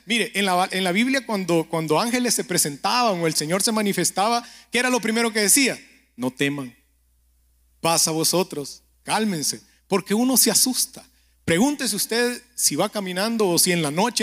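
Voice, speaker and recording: High-voiced man preaching a chatty sermon. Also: a bit bright. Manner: keeps asking the listener "¿verdad?"; speaks directly to the listener, telling stories. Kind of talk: conversational sermon with prayer.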